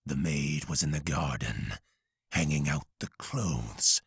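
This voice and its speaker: A man's voice: extremely low pitch, expressive, slow pace, gravelly, a bit bright, husky, no echo, studio quality, exaggerated voice. A man voicing a deranged, murderous hatter who recites nursery rhymes in a singsong way. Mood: eerie.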